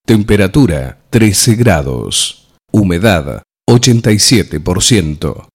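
A man reading a scripted station ident with the time, temperature and humidity in a slow, measured announcing manner. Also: deep voice, expressive.

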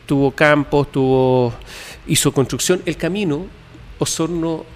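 A man being interviewed, recounting his family's history in a measured, reflective way with frequent pauses and fillers. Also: on the high side. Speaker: guest.

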